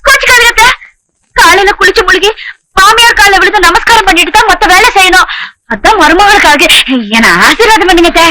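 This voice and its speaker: An actress playing a naive, stubborn village bride who complains loudly and wails in a 1980s film. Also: female voice, fast talker. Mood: pleading. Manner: shrill, wailing complaints. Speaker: new daughter-in-law. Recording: noisy old film soundtrack.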